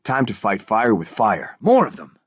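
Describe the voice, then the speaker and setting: An actor playing Captain America, a heroic and determined American soldier, delivering terse, earnest video game lines. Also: male voice, lowish voice, huge pitch swings, normal speed, breathy edge, no room sound, clean studio sound, full character voice. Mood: focused, determined.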